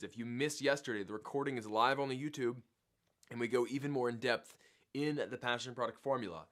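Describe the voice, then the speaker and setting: Guy with a sick voice walking through a tutorial live, upbeat, mid pitch. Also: a bit bright. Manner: upbeat, explanatory. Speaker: co-host. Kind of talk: livestream tutorial.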